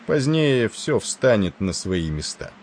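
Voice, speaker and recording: A man voicing a gruff, pompous older male admiral. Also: lowish voice, very animated, slow pace, darkish tone, a little hiss or hum, pitched above the performer's own voice.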